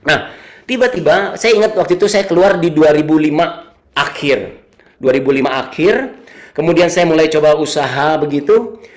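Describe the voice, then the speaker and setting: A man in his thirties gives a casual youth sermon woven with a personal story. His voice sits slightly high for a man. He talks in a chatty, relaxed way, repeats key phrases and teases his listeners. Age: 30s. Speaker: youth service speaker.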